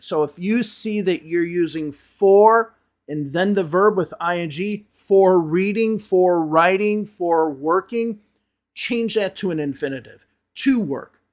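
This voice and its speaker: A man from Chicago with an American accent, teaching an online English lesson with emphatic repetition and frequent "okay?" and "right?" checks. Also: high voice. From United States (Chicago). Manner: emphatic, repeats words for stress, asks "okay?" and "right?".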